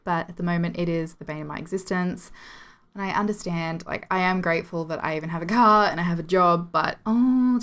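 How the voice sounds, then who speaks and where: A woman's voice: lowish voice, a bit bright. A young Australian woman giving casual, rambling commentary over a building game at home, apologetic and self-deprecating, with frequent giggles. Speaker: video game building channel host. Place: home room.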